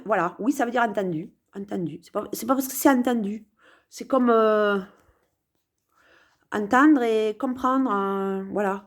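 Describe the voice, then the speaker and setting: A woman musing playfully to camera from her sofa at home, meandering with many hesitations and repeated words. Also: on the high side. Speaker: vlogger. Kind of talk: rambling casual musing to camera.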